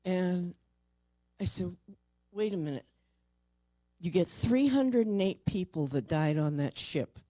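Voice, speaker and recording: Mellow-voiced paranormal investigator telling a story. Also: mid-range voice, slow, no echo. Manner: lively storyteller who acts out the people quoted. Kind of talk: storytelling talk at a convention. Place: convention stage or panel room.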